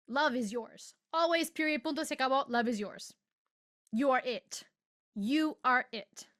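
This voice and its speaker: A woman's voice: a little high, fairly bright tone. A middle-aged woman hosting a podcast and giving an earnest, emotional spiritual monologue, stretching out words for emphasis. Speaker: podcast host and spiritual guide.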